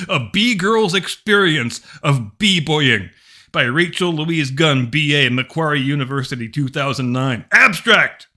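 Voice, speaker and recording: A woman giving a dramatic reading of an academic text like a hammy stage actor, with theatrical, drawn-out emphasis. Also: mid-range voice, sharp tone. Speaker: host of a mocking dramatic reading.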